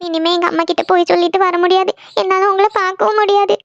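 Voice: very high voice, fairly even intonation, fast, creaky, fairly bright tone, no echo, muffled recording, heavily acted. A voice actor playing a tearful young woman in a cartoon, upset with her boyfriend on the phone. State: crying. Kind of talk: cartoon voice acting.

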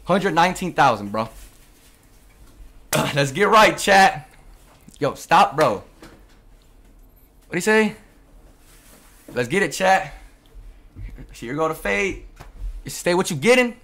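A man's voice: a little high, animated, slow pace, pauses often, a bit bright. A young man livestreaming casually, talking in hyped frat-bro slang to his chat. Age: teens to young adult. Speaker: live streamer. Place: bedroom at home, indoors.

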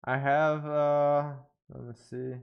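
A young Brazilian man, a native Portuguese speaker with a Brazilian Portuguese accent, chats casually with live-stream viewers from his bedroom setup, speaking English hesitantly and often correcting himself. His voice is fairly high and level, slow, with vocal fry and a clean tone but lo-fi sound. He uses a desk studio mic and headphones.

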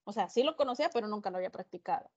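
A woman's voice: mid-range voice, expressive, racing, dull audio. A woman teaching an English class online, explaining patiently and repeating the numbers. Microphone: video call.

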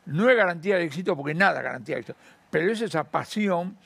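An older Argentine man talks in a high, swooping voice with a gravelly edge. He is blunt and animated and slips into little acted-out voices. The sound is dry and close. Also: rapid-fire, no room sound. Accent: Argentine Spanish. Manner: animated, acts out quoted voices, blunt joking. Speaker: economist guest. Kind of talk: casual interview talk.

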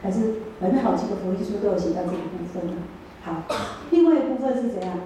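Woman, middle-aged, Taiwanese Mandarin accent, chatty sermon, very dark mellow voice, far from the mic in a booming hall. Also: expressive, quick pace, slight background noise. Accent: Taiwanese Mandarin, with Taiwanese Hokkien phrases. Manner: chatty, asks the room questions. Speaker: church speaker. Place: church hall.

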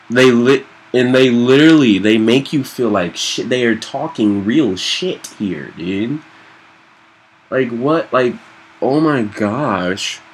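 A young man doing casual, profane game commentary with slangy frat-bro talk, excitable and whiny when he is losing. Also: medium pitch, breathy edge, rough recording. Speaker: gamer doing a playthrough of a fighting game. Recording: loud game music behind. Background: loud game music.

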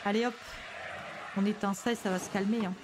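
A woman's voice: medium pitch, steady tone, brisk, over music. A woman streamer giving jumpy, chatty commentary on a horror game, talking to herself and greeting customers politely. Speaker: gamer streamer.

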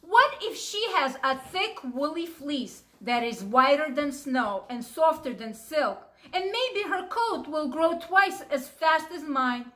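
A woman's voice: sits high, bright, forceful tone, full character voice. A woman voicing a fretful storybook sheep. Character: worried woolly female sheep on a farm.

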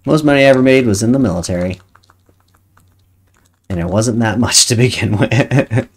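A woman's voice: very deep voice, normal speed, slightly rough. A woman streaming a video game, chatting casually and thinking aloud as she plays. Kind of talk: casual chat while playing a game.

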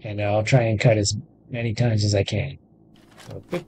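Here a gaming video host in his thirties chats offhandedly through a let's play at normal speed, his voice lowish and darkish with little pitch movement. A little hiss or hum accompanies faint game music and video game audio.

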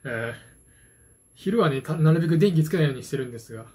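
A man's voice: a little high, lively intonation, quick pace, darkish tone, slightly rough. A man in his forties from Japan chatting casually and rambling to the camera, with self-deprecating, hesitant asides. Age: 40s. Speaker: vlogger, card game hobbyist. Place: small dim room at home, indoors. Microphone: phone propped at arm's length.

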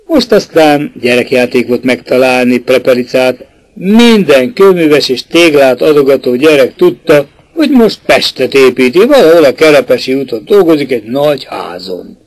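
A man narrating a literary audiobook, shifting his pitch to voice the characters in the dialogue. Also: sing-song, a little mellow, dry recording, rough recording.

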